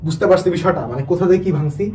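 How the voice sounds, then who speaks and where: Fast-talking man teacher. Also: fairly high pitch, a little mellow, distant mic, slight background noise, low-quality recording. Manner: rapid, restarts often, asks the students rhetorical questions. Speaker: admission test English teacher. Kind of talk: online class lecture.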